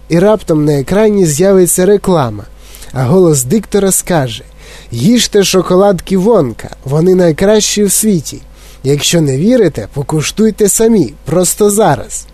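A male storyteller puts on a fizzing, eccentric chocolate maker from a children's storybook. He pitches up high and barks eager orders. The voice sits close and dry. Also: dark tone, dry recording. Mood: excited. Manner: exclaiming, bossy and eager.

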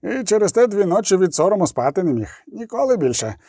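A man voicing a gruff, boastful male dwarf warrior in an audiobook, grumbling and swearing. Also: high-pitched, big pitch swings, fast, warm tone, no echo, clean studio sound, voice pushed up, heavily acted. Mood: blustering. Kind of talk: audiobook character voice.

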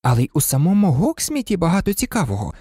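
An audiobook reader voicing an earnest know-it-all teenage girl who talks quickly and insistently. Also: medium pitch, big pitch swings, a little mellow, no echo, clean studio sound, pitched above the performer's own voice. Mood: eager. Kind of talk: audiobook character reading.

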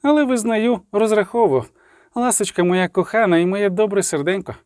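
A man voicing a vain young male troubadour in an audiobook, pleading in a high, whiny voice. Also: a little fast, a little mellow, no room sound, clean studio sound, natural voice. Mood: sheepish.

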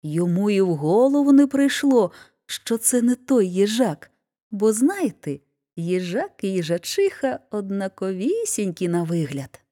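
A woman reads a fairy tale aloud, taking her time over each phrase. Her voice moves expressively up and down as the story unfolds. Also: mid-range voice. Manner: expressive, unhurried narration. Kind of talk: storybook reading.

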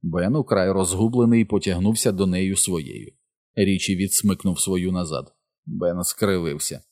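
A man narrating an audiobook in a steady, even reading voice. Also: deep voice, unhurried, no echo, studio quality.

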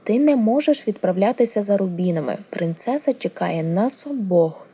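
A woman's voice: mid-range voice, expressive, normal speed, mellow, slightly rough. A woman reading a storybook, voicing a prim, proper young noble girl who speaks with a primly indignant tone.

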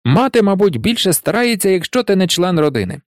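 A man voicing a cheeky teenage twin boy who teases loudly. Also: high-pitched, big pitch swings, fairly quick, dry recording, studio quality, voice pushed up. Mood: teasing. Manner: loud, teasing banter.

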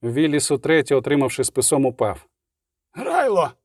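A man's voice: medium pitch, lively intonation, normal speed, dark tone, dry recording. Man narrating an audiobook, dry sound.

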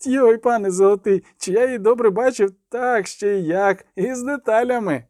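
Man playing a high, fawning young peasant lad, rustic and rambling, audiobook figure. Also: normal speed, a little mellow, dry recording, clean studio sound, natural voice. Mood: eager. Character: servile eager young male peasant lad.

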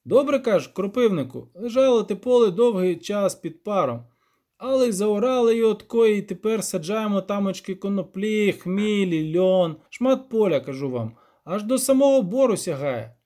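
A man voicing a gruff, hesitant peasant village elder who rambles in folksy country speech. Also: high-pitched, animated, moderate pace, dark tone, pitched above the performer's own voice. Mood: rambling.

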